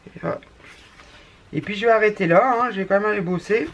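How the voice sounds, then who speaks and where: A woman's voice: mid-range voice, fairly quick, highs cut off, a little hiss or hum. A woman with a northern French ch'ti accent chatting through a craft tutorial, rambling with many restarts. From northern France. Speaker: scrapbooking YouTuber. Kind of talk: casual craft tutorial chat.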